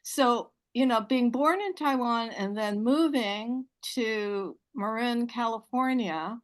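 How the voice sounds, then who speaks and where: A woman's voice: fairly high pitch, slow. A woman hosting an online panel on a video call, chatty and enthusiastic, laughing often. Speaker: host and moderator.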